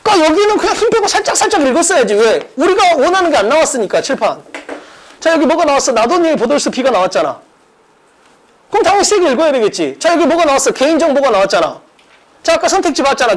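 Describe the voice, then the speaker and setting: In a mock exam explanation lecture, an English exam-prep teacher and academy director talks fast in a high-pitched voice full of pitch swings, over poor audio. He keeps it casual with students yet emphatic, drilling points through repetition and rhetorical questions.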